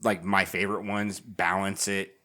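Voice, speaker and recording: A man with a fairly low voice chats casually as a podcast co-host. He rambles, swears freely and often breaks into laughter. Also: little pitch movement, normal speed, sharp tone. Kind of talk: casual chat.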